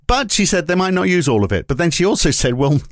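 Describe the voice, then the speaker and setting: A man hosting a morning markets briefing, giving rapid market news with wry, dry asides. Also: high voice, very animated, no room sound. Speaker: host of a morning markets podcast.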